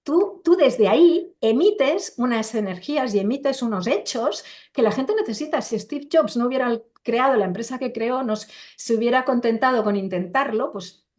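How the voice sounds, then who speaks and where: This middle-aged coach, a guest in a casual interview over a computer video call, has a somewhat high, darkish voice that's animated at a moderate pace. She speaks emphatically, poses plenty of rhetorical questions, and performs the voices she quotes while explaining things.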